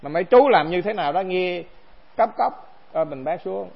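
Man, monk teacher, high voice, chatty dharma talk, lo-fi sound. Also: lively intonation, moderate pace, gravelly, slightly rough. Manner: conversational, asks the assembly rhetorical questions. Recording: dull lo-fi recording.

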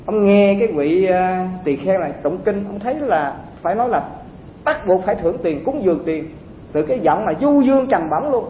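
A high-voiced man gives a chatty dharma talk to a hall of monks and stops to ask them questions. The recording is roomy and echoing. It sounds thin, as over a phone line, with a faint rumble underneath. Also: expressive, brisk. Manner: conversational, asks listeners rhetorical questions. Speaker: Buddhist teacher addressing monks.

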